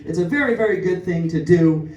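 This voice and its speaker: A young man doing a self-deprecating, rambling stand-up comedy set on a club stage, with animated asides. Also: high voice, brisk, highs cut off. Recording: echoey club from far off, with crowd. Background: audience laughter.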